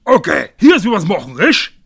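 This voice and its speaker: A man voicing a boisterous, brutish male ork warrior with a Saxon accent, shouting out a gleeful battle plan. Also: sits high, big pitch swings, brisk, vocal fry, husky, heavily acted.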